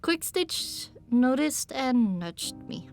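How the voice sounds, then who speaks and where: A woman reading a first-person audiobook in measured storytelling. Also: high voice, big pitch swings, faint music behind. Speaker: audiobook narrator. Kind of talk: scripted first-person narration.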